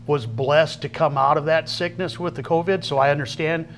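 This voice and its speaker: A man talking as a guest on a talk show, earnest and folksy, often pausing mid-thought. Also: on the high side, steady tone, fairly bright tone, slight background noise. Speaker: guest, outreach coordinator. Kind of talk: casual interview chat.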